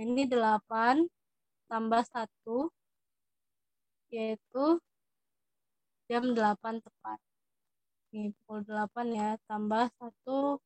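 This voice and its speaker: Young female tutor with an Indonesian accent, fairly high voice, patient, dry close sound. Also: dry recording. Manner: patient, addresses students as "Dik". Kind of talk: math lesson explaining test questions.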